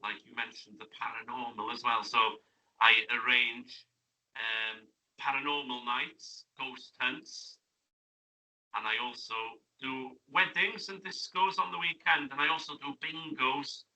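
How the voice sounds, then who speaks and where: A middle-aged man talks easily with students in a classroom radio interview. His voice is very bright and ringing at an average pitch. He chats warmly and keeps ending with little tag questions. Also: steady tone, measured pace, rough recording. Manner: friendly, chatty, asks lots of tag questions. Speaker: guest. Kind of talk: casual interview chat.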